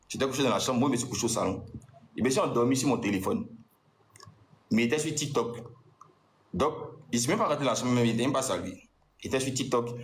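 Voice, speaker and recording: A man's voice: medium pitch, reverberant. A man with an Ivorian French accent gives a heated, accusing account aimed at his ex, often repeating himself. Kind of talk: heated personal account addressed to an ex.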